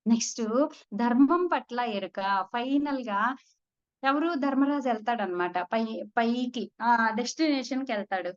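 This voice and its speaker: A woman's voice: on the high side, moderate pace, highs cut off. Woman teaching spiritual lessons. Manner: conversational, addresses listeners as friends. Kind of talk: storytelling spiritual talk.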